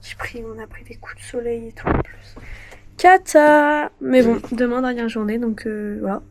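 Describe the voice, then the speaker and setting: A woman's voice: on the high side, fairly even intonation, normal speed, heavy background noise. A woman of twenty chatting casually and rambling in a bubbly way as she films her own vlog. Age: 20s. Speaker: vlogger.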